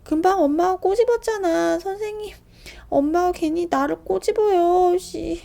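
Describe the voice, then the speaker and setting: A woman voicing an excitable kindergarten boy who blurts questions loudly. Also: very high-pitched, moderate pace, pitched above the performer's own voice, full character voice. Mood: excited. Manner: loud, blurting, chattering.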